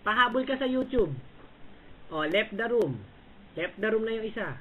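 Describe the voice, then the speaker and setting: A man's voice: high voice, expressive, moderate pace. A man trash-talking rivals in an online voice chat room, mocking them and barking short orders. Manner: taunting and bossy, repeatedly barking short orders and "ha?". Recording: tinny voice-chat line with faint hiss.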